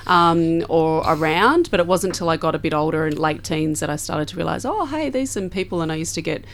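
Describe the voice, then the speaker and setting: A middle-aged Australian woman with a fairly low voice talks as an interview guest. She reminisces in a casual, conversational way, as in a studio chat. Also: animated, a little fast. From Central Coast, Australia. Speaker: guest, former netball player.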